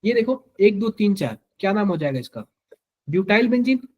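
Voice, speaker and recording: High-voiced Hindi-accented chemistry teacher drilling a class. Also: male voice, very animated, fairly quick, muffled recording. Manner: keeps quizzing students with repeated questions; repeats each answer to drill it in. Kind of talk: live classroom lecture.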